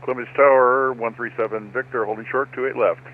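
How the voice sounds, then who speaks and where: A man's voice: medium pitch, steady tone, fast. Tinny radio voice of a male pilot. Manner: clipped radio readbacks with hesitations. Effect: pilot over the radio. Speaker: flight sim pilot. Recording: tinny radio transmission from far off.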